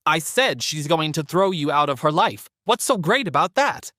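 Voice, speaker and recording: Shrill sneering society matriarch, a man voicing her. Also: animated, normal speed, sharp tone, no room sound, studio quality. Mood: cold sneering. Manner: sarcastic, sneering. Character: shrill cold wealthy older mother-in-law.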